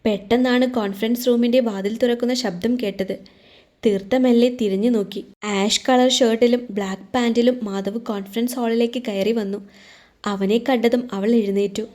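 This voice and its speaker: A woman narrating a romance story in a measured, scripted reading. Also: on the high side, steady tone, darkish tone.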